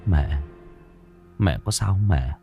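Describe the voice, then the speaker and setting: A man's voice: deep voice, lively intonation, takes it slowly, vocal fry, dark tone, soft background music, full character voice. A man voicing a timid, trembling teenage peasant son who stammers as he pleads. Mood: worried.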